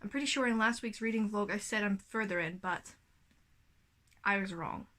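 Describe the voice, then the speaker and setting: Heavy background noise sits under a medium-pitched voice moving at a moderate pace. The speaker is a book vlogger in her twenties, Dutch by first language, giving a chatty, gushing, self-correcting update on her reading at home.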